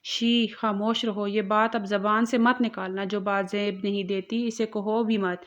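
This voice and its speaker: A woman's voice: medium pitch, little pitch movement, close to an everyday voice. A woman reading a firm, stern older mother-in-law. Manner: firm, hushing. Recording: muffled lo-fi recording.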